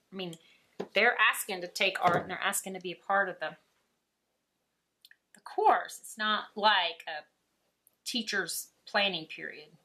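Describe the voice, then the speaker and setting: A woman's voice: medium pitch, bright, forceful tone. A woman from Alabama with a mild Southern accent, an art teacher chatting casually and laughing often as she paints. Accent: Southern American. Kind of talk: casual chat while painting.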